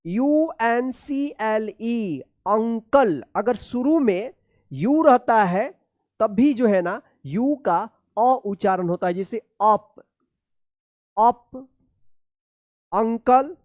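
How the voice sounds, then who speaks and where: Give me a slow-paced woman teaching reading, spelling each word out and quizzing the listener on it. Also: on the high side, lively intonation, darkish tone, dry recording. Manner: spells words letter by letter, then repeats them slowly; keeps asking the listener how a word is read. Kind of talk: classroom-style reading lesson.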